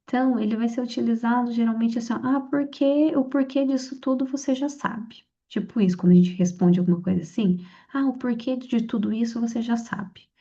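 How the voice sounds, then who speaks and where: A woman explaining grammar for a civil-service exam in a relaxed, chatty lesson, often checking in with her listener. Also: fairly high pitch, a little fast, few pauses. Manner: conversational, frequent "tá?" and "então". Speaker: exam prep tutor. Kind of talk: casual spoken lesson. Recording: slightly dull lo-fi audio.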